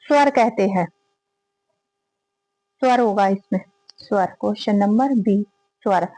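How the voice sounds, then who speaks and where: A woman's voice: mid-range voice, unhurried, dark tone, dry recording, low-quality recording. A woman teaching a grammar lesson, reading out quiz questions and going through the answer options one by one. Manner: reads each question then lists and repeats the options aloud.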